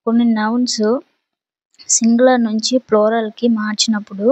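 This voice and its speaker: A woman's voice: a little high, little pitch movement, normal speed, a little mellow, no echo, low-quality recording. A woman with a Telugu accent explaining an English grammar lesson, going step by step through examples.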